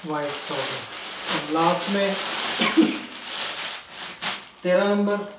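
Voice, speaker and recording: Guy selling clothes, kinda high voice, far off in an echoey noisy room. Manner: brisk, matter-of-fact listing. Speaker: clothing seller. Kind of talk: product walkthrough sales pitch. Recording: echoey room, distant mic, background noise.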